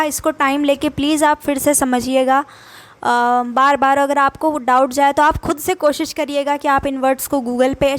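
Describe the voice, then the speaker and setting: A young woman teaching English vocabulary in a casual lesson, explaining patiently with restarts and repeats, and speaking English with an Indian accent. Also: high voice. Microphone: voice-over, speaker not seen.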